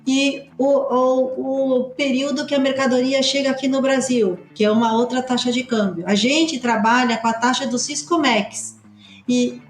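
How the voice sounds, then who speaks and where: A woman with a fairly high voice explains customs and freight on a podcast in quick, emphatic bursts. The room echoes around her, and faint music plays underneath. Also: fairly even intonation. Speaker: customs consultancy partner. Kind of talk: podcast discussion.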